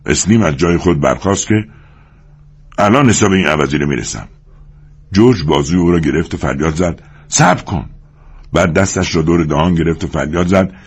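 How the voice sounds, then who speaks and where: Deep, husky male storyteller. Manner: expressive storytelling. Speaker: narrator. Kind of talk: dramatic audiobook narration.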